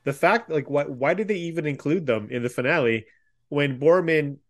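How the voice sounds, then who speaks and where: Higher-voiced man asking puzzled questions. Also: moderate pace. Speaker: podcast panelist. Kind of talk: casual podcast chat.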